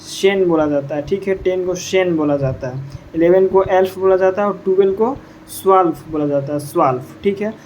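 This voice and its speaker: A man from India, teaching a casual video lesson. He explains slowly, repeats words and asks the viewer questions. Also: high voice, a little mellow, distant mic, a little hiss or hum. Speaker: language teacher. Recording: echoey room, voice a bit off mic.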